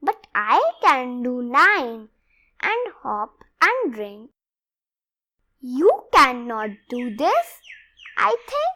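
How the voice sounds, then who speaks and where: A young girl reading a rhyming picture book aloud, expressively and deliberately in short phrases. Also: high voice, sing-song, bright, forceful tone. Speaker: read-along presenter.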